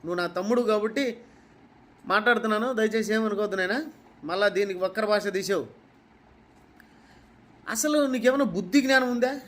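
A preacher from Kadapa speaks in a high voice with a Kadapa Telugu accent. He scolds a rival in a confrontational rebuttal, firing rhetorical questions and repeating his points. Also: fairly bright tone. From Kadapa, Andhra Pradesh.

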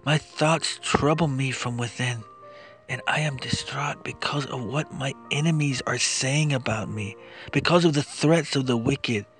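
A man's voice: mid-range voice, measured pace, a bit bright. A man giving a solemn, impassioned, dramatized biblical narration of a psalm as a scripture reader. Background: music.

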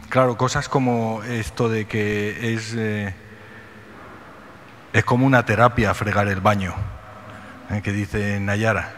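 A middle-aged man gives a measured, reflective lecture from a podium in a large ornate hall. Long reverb from the hall trails his words, and a faint hiss sits underneath. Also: lowish voice, fairly bright tone. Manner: reflective, measured, rhetorical questions. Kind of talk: conference lecture. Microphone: podium microphone.

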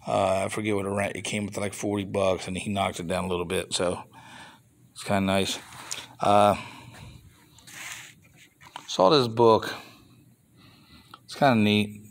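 This low-voiced man is a toy reseller showing off flea market finds, filming them on a handheld phone indoors at a table of toys. The talk is a casual off-camera show-and-tell vlog. He's chatty and rambling, with mild grumbling asides.

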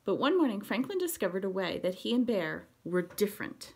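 A woman, a pre-K teacher, reading a picture book aloud to children, explaining the pictures gently. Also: medium pitch, sing-song, fairly quick, a little hiss or hum.

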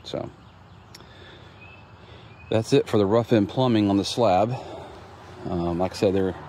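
A homeowner with a very deep voice casually narrates a walk around his construction site, speaking plainly and stopping often for ums and restarts. The clip was filmed outdoors on a handheld phone carried while walking, and steady outdoor noise is clearly audible.

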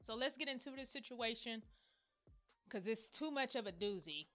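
Blunt woman host, very bright voice. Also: fairly high pitch, lively intonation, normal speed, soft background music. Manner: blunt, exclamatory, talks straight to viewers. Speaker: host of a gossip commentary channel. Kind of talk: casual commentary vlog.

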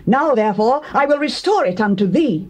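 A woman's voice: on the high side, lively intonation, fairly quick, darkish tone. An actress playing a devout mother in a dramatized Bible, declaiming in archaic diction. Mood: solemn. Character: devout mother of a grown son. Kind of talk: dramatized King James Bible acting.

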